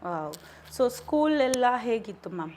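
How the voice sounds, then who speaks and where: A woman's voice: on the high side, big pitch swings, moderate pace, a little mellow, a little hiss or hum. A woman hosting a podcast interview, asking questions and giving frequent short murmurs of agreement. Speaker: podcast host.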